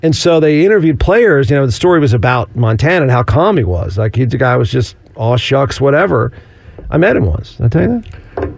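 A man's voice: mid-range voice, big pitch swings, fast talker, creaky, darkish tone. A man co-hosting a sports radio show, telling stories in casual talk and laughing as he goes. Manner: storytelling, laughs while telling. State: recovering from sickness.

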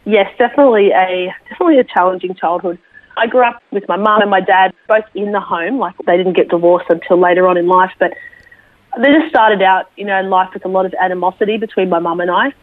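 An Australian woman, a military veteran, sharing her story slowly and reflectively as an interview guest, with many small fillers. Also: medium pitch, fairly even intonation, no room sound. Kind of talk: personal testimony interview. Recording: tinny phone line, dry.

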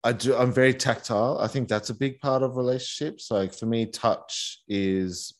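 A medium-pitched male voice with a steady tone moves at a moderate pace. The speaker, an Australian man guesting in an interview, teaches couples massage and rambles casually, often restarting and using fillers.

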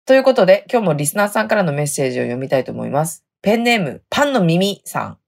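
Husky-voiced chatty woman podcast host. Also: lowish voice, sing-song, quick pace. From Hokkaido. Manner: chatty, laughs often, dialect sentence endings. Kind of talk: casual storytelling chat.

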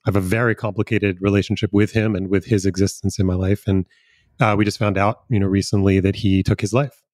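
Low-voiced man, halting and dry. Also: level tone, a little mellow, no room sound. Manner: halting, searching, many fillers. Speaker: podcast host. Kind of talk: conversational interview.

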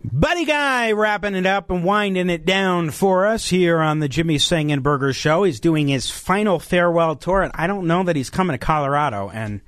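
An American man hosting an opinionated radio talk show, speaking emphatically with halting self-corrections into a studio microphone. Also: fairly high pitch, lively intonation, fairly bright tone, no room sound. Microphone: close studio radio microphone.

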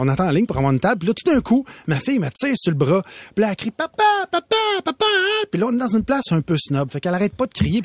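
A man's voice: fairly high pitch, husky, no echo. A middle-aged man with a Québécois accent telling a comic story as a radio monologue, acting out the other voices in it. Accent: Québécois French. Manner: lively storyteller, puts on child's voice for quotes.

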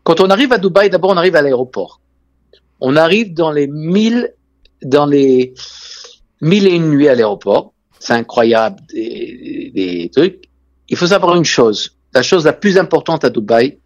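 This interview guest, a businessman in real estate and tourism, tells travel stories in Israeli-accented French, stressing key phrases by repeating them. His medium-pitched voice is a little mellow, with no echo but the highs cut off.

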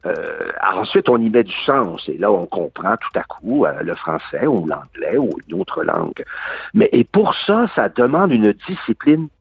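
A man's voice: fairly low pitch, sing-song, measured pace, creaky, breathy edge, dry recording. An older man with a Québécois accent, a guest actor explaining at length, emphatic and long-winded in a radio interview. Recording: dry phone-like radio sound.

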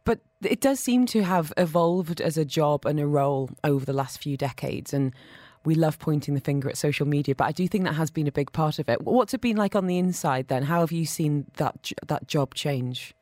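A woman's voice: low-pitched, brisk, hardly any pauses, a little mellow, dry recording. A woman hosting a radio talk show in a studio, chatty and enthusiastic. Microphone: studio microphone.

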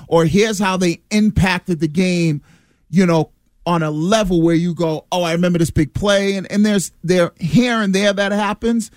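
A man's voice: high-pitched, no room sound, clean studio sound. An American man, a former player, talking sports casually as a radio panelist, reasoning aloud and often repeating himself.

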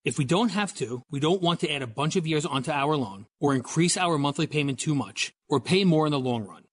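Husky, animated man in radio ad. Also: fairly high pitch, fairly quick. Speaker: mortgage company spokesman. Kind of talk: conversational scripted radio commercial.

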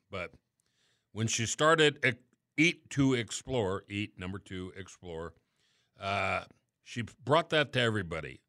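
Chatty radio host, bright dry voice. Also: male voice, medium pitch, no room sound. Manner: chatty, relaxed, trailing off at phrase ends. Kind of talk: casual radio talk and interview.

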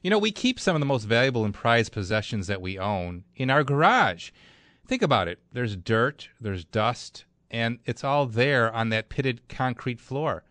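A man's voice: medium pitch, sing-song, normal speed, fairly bright tone, dry recording. American male radio host, very dry sound. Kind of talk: live radio advertising chat and endorsement.

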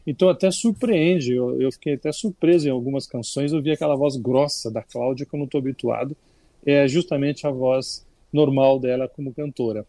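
A mid-range male voice, brisk and dry, belongs to an older Brazilian culture critic on the radio. He chats casually with a Brazilian Portuguese accent, restarting often.

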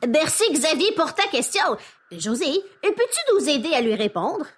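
A high-pitched, unhurried young girl from a children's TV show, bursting with exclamations and wonder. She draws out her words slowly, cheerful and curious. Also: sing-song. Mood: enthusiastic. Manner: enthusiastic, exclamatory. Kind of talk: children's TV dialogue.

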